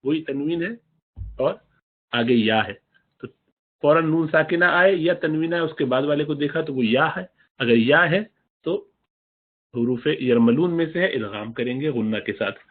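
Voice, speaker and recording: A man teaching a Quran recitation lesson, explaining the rules and slowly reciting and stretching out example words. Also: a little high. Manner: drawn-out demonstrative recitation of examples. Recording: tinny phone-like audio.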